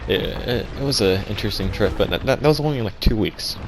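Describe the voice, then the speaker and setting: A young man telling an absurd comic story deadpan, rambling and halting with lots of restarts. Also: lowish voice, background noise. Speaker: vlogger.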